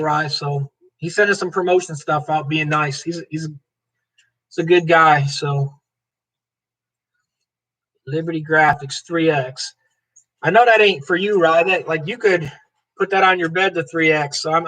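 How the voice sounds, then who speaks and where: On a rough recording, a livestream host with a slightly high, sharp-toned voice reads out viewers' comments. He jokes around in a loose, casual way and replies to each commenter by name.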